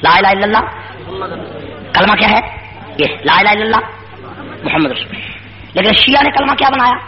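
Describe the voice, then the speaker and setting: A man giving an impassioned rally speech at a public gathering, full of repetition, shouted rhetorical questions and call-and-response. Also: high voice, big pitch swings. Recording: lo-fi with faint hum.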